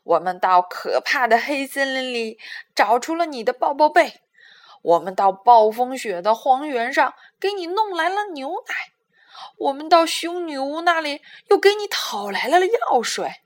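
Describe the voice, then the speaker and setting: Woman doing a gentle, coaxing storybook girl. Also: medium pitch, animated, slow pace, husky, pitched below the performer's own voice, heavily acted. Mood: exasperated. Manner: firm yet gentle, coaxing. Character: patient, motherly young girl. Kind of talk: bedtime storybook reading.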